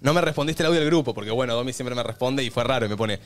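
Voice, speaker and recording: A young man with a Rioplatense Spanish accent hosts a casual group chat podcast, retelling stories with animated delivery. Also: medium pitch, racing, soft background music. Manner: animated, reads messages aloud in other voices. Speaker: podcast host.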